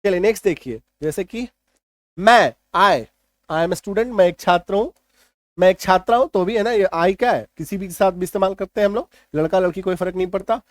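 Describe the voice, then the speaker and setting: A man, an English teacher patiently explaining vocabulary in a lesson and often checking if it is clear. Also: high voice, fairly quick, no echo.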